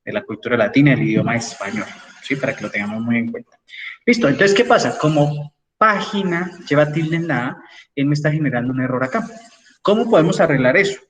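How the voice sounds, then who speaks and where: A man's voice: medium pitch, a little fast, a bit bright, far from the mic, a little hiss or hum, rough recording. A man lecturing an engineering class online, explaining step by step and checking in with his students as he goes. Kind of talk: online class with screen sharing.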